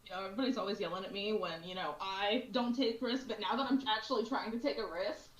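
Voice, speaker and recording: A woman's voice: mid-range voice, fast talker, dull audio. A woman playing a tabletop game, chatting casually and in character with a wry, dramatic manner. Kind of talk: casual in-character play and chat. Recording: echoey room sound.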